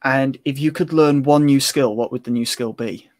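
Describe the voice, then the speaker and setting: A man hosting an interview show, asking set questions in a measured way. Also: medium pitch, a little mellow, no echo, clean studio sound.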